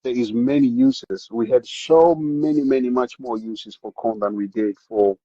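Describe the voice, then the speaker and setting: A South African man with a medium-pitched, slightly breathy voice speaks at a normal pace, guesting on a podcast and chatting casually about his upbringing. He tells it like an animated storyteller, full of repeated words and restarts. The audio is dull, with no room sound.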